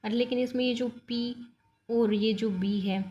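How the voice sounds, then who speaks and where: A warm, fairly high-pitched female voice with a steady tone and measured pace comes through a muffled recording, faint music behind it. She teaches exam-prep phonology bilingually, mixing Hindi with Indian-accented English, explaining step by step and checking that students follow.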